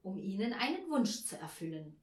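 A woman's voice: mid-range voice, sing-song, moderate pace, darkish tone, natural voice. A woman doing an earnest, weary angel. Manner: earnest and insistent. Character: weary, patient male Christmas angel. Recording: roomy echo.

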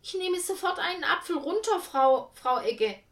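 A woman's voice: very high-pitched, lively intonation, moderate pace, pitched above the performer's own voice. A woman voicing a flustered male fruit seller who speaks hastily and nervously in a storybook reading. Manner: hasty, nervous.

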